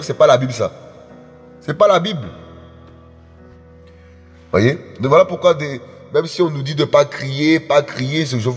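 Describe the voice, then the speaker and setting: A man's voice: fairly high pitch, slightly rough. A man preaching a sermon in an emphatic, repetitive way, often calling out to his congregation as friends. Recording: echoey hall with faint music.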